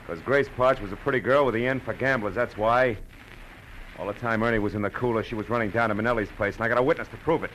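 An American radio actor, the lead and narrator, plays a tough, wry private detective recounting his case in a hard-boiled 1940s-style drama, his delivery clipped, sardonic and slangy. His male voice sits on the low side with a quick pace and fairly bright tone, lightly acted, urgent and insistent. The vintage radio recording is noisy.

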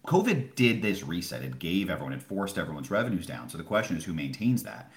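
A deep-voiced man speaks fast in a sing-song way, giving conversational expert commentary as a Wall Street retail analyst on a podcast. He makes emphatic points by asking questions he answers himself, in an echoey, roomy recording.

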